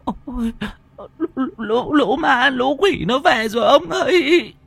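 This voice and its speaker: A man voicing a terrified old village wife, shrill and stammering. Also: takes it slowly, creaky, fairly bright tone, husky, no echo, exaggerated voice. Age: older.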